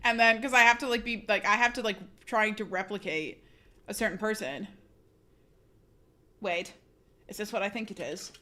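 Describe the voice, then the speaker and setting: Her medium-pitched voice is bright and forceful, moving at normal speed but broken by long pauses. As a livestreamer she chats casually with her audience, joking at her own expense, laughing often and reading chat aloud.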